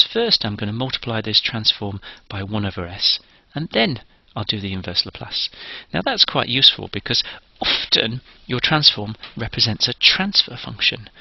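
A man's voice: lowish voice, gravelly, husky, dry recording, highs cut off. A man giving a recorded engineering lecture, explaining each step methodically.

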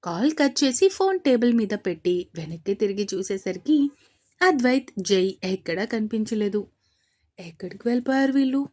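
A woman narrating a romantic story serial in a brisk, lively reading. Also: mid-range voice.

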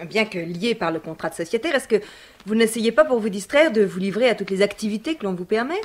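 A woman's voice: mid-range voice, lively intonation, fast talker. A woman radio host asking light, courteous interview questions.

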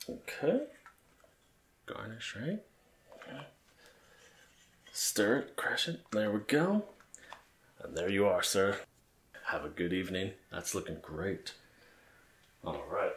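Male ASMR gamer as courteous bartender, lowish voice, roomy echo, attentive service patter. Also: sing-song, slow, long pauses, a bit bright. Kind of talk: ASMR role-play game commentary.

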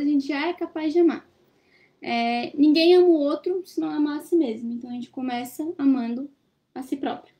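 Young woman, study-group presenter; high and warm, reflective and questioning, laptop webcam in a small room. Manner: thoughtful, questioning the listeners. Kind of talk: reflective teaching talk. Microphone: laptop webcam on a video call.

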